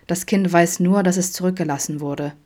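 A woman's voice: lowish voice, normal speed, mellow, natural voice. A woman voicing Vincent, a friendly, open young man with a playful, teasing way of talking, in an audiobook. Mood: earnest.

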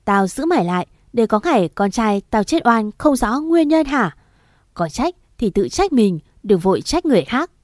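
A woman voicing a harsh, angry father in an audio story, scolding loudly. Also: on the high side, big pitch swings, normal speed, no room sound, clean studio sound. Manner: cold, scolding and loud. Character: harsh angry father, middle-aged man.

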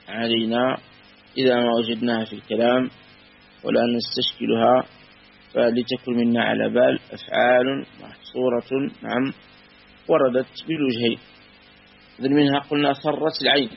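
A man gives a classical grammar lesson, stopping to repeat each word form slowly and deliberately. His voice sits at an ordinary middle pitch. The recording is dull and lo-fi, with a faint hum underneath. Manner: measured, repeats and spells out word forms slowly. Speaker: teacher of Arabic grammar.

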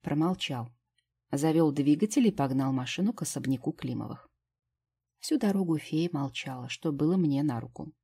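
A woman reads first-person fiction aloud at a steady, measured pace. Her voice is low and mellow with a husky edge. She narrates in a calm storytelling way. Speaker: audiobook narrator.

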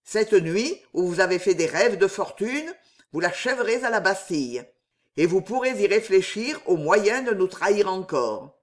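A man's voice: sits high, lively intonation, normal speed. A man voicing a stern older superior of a religious order who threatens and lectures in a cold, commanding way. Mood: menacing.

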